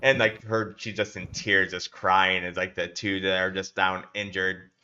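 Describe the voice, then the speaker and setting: A man's voice: deep voice, little pitch movement, normal speed, bright, forceful tone, dull audio. A man narrating as game master in a tabletop game, loose and rambling with lots of fillers.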